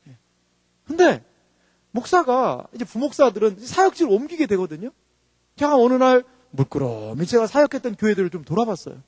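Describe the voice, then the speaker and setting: A man's voice: extremely high pitch, big pitch swings, a little fast, darkish tone, husky, clean studio sound. A man in his forties, an associate pastor, preaching emphatically and asking the congregation rhetorical questions. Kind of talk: sermon. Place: church sanctuary. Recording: long reverb of a church hall.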